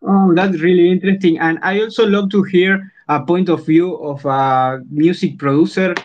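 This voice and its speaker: A man's voice: sits high, fairly even intonation, normal speed. A man hosting an online talk, greeting guests eagerly and repeating phrases as he goes. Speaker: host. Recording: lo-fi online call audio.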